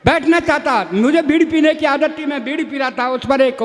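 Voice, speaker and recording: A man with a very high voice tells comic stories at a live poetry gathering. His delivery is folksy and chatty, and he speaks to the crowd as if to his brothers. The sound comes through a stage microphone, with a long reverb trailing behind each line. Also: brisk. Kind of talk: stage comedy storytelling.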